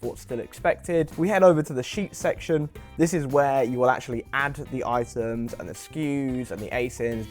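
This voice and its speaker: A man hosts a casual vlog in a mid-pitched voice. He talks in a chatty, informal way, with faint music playing behind him. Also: a little mellow. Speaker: host, online seller interviewing prep centre staff. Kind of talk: casual interview and vlog narration.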